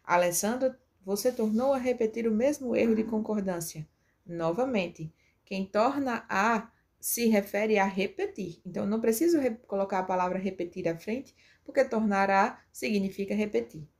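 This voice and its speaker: A woman's voice: mid-range voice, lively intonation, moderate pace, a little mellow. A woman teaching a grammar lesson, explaining patiently step by step. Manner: explains step by step with tag questions.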